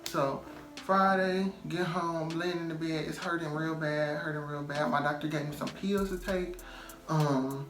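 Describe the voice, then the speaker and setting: A man recounts his own story in a relaxed, rambling vlog manner, leaning on fillers and repeating words to drive a point home. His voice sits a little high for a man. The room echoes around him, with faint music underneath. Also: unhurried. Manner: loose, chatty, many "um" and "like" fillers; emphatic, repeats phrases for stress. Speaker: storytime vlogger. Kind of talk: casual storytelling. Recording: roomy echo, faint music behind.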